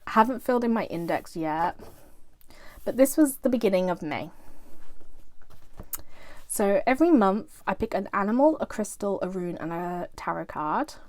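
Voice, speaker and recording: A woman's voice: medium pitch, lively intonation, moderate pace, pauses often, no echo. A woman vlogger in casual show-and-tell chat about her tarot decks, gushing and chatty, full of "like" and praise.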